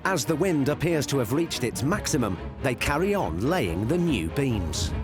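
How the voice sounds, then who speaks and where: A man's voice: medium pitch, very animated, moderate pace. A man reading scripted narration for a documentary as its narrator. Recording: music behind the voice. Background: background music.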